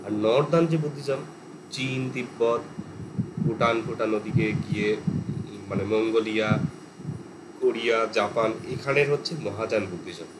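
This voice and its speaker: Bengali teacher lecturing over AC hum. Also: male voice, lowish voice, moderate pace, long pauses. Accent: West Bengal Bengali. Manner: explanatory, digressive, mixes in English terms. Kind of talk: online class lecture. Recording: air conditioner hum behind.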